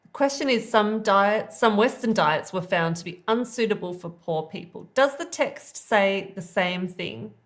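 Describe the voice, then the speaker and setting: A woman at a middle pitch teaches an online exam-prep lesson. She explains reading techniques in a clear, patient, emphatic way, guiding the listener step by step. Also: animated, a little slow. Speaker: IELTS teacher.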